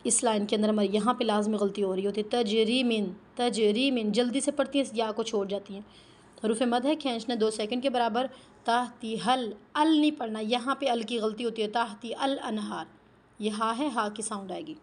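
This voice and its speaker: High-voiced woman teaching Quran recitation. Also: darkish tone. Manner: slow drawn-out recitation alternating with quick corrective explanation. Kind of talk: tajweed lesson, recitation and explanation.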